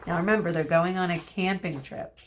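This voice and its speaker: Lady teacher recapping a story for kids, kinda low voice, lively sing-song delivery. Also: a little fast, a little hiss or hum. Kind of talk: read-aloud lesson wrap-up for kids.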